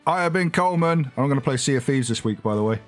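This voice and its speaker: A man co-hosting a podcast in relaxed, casual conversation. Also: mid-range voice, fast talker, faint music behind. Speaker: podcast co-host. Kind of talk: casual chat.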